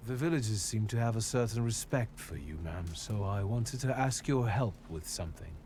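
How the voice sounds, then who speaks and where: An actor playing a polite, steady investigator in a dark fantasy video game, speaking formally. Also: male voice, fairly low pitch, normal speed, a little hiss or hum, close to an everyday voice. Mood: polite, measured. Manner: courteous, formal.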